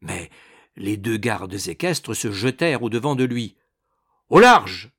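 A man narrating an adventure novel as an audiobook, with dramatic, expressive storytelling. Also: on the low side, unhurried, breathy edge.

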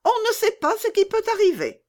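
A wild little robber girl barks orders in a shrill, piercing voice, as a woman puts her on. She sounds bossy and menacing, with a sing-song swing to every threat in this storybook tale. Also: wildly swooping pitch, a little fast, full character voice.

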